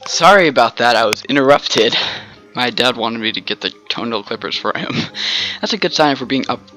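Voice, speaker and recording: A man's voice: mid-range voice, expressive, moderate pace, over music, poor audio. A man from the American South giving rambling, joking commentary while playing a video game. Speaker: let's player. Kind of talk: casual gameplay commentary.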